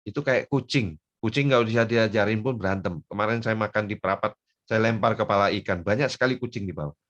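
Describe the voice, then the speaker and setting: An older man from North Sumatra preaching a folksy sermon, dropping to soft murmurs and then rising into loud, emphatic bursts. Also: fairly low pitch, fast talker, muffled recording. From Pematangsiantar, North Sumatra.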